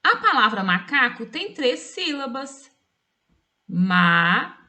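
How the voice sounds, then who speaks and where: Woman, high bright voice, teaching phonics; slow, careful spelling. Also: sing-song. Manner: clearly spells out words syllable by syllable. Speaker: literacy teacher. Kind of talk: slow phonics dictation lesson.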